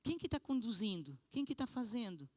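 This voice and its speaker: A woman pastor voicing God as a gentle, fatherly figure, softly and tenderly. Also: on the high side, very animated, moderate pace, no echo, studio quality. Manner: soft, tender, quieter. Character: gentle fatherly God speaking to his daughter.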